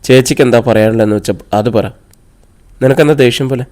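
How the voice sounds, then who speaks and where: A man's voice: medium pitch, fast, a little mellow, lightly acted. A man reading the part of a sulky young man who answers curtly and irritably. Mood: irritated. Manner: curt, irritated.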